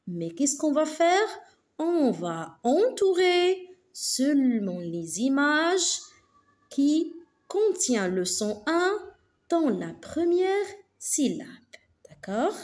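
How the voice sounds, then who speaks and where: A woman teaching a phonics lesson to young children, saying each word slowly and carefully and repeating it twice. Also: high voice, big pitch swings, a little mellow. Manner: slow, carefully articulated, repeats words twice. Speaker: primary school teacher.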